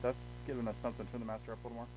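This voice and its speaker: Some hiss and static sit on this live podcast recording. A man hosts in a casual, conversational style at an average pitch. His delivery is blunt and matter-of-fact. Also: level tone, rapid-fire. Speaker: podcast host. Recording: hissy static-laden live podcast audio.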